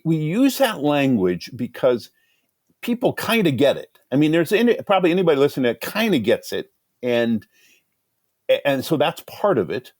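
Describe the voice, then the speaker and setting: An animated man in his sixties answers interview questions like a storyteller, his pitch swinging widely. He restarts his sentences often. The sound is dry and close, with no room echo. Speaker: guest, author. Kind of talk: conversational interview.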